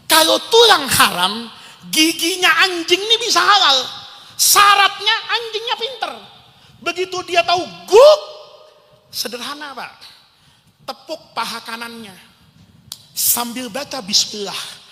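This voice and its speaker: A man's voice: very high-pitched, bright, forceful tone. A middle-aged man giving a humorous religious lecture, telling a story with playful voices. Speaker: preacher. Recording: reverberant hall.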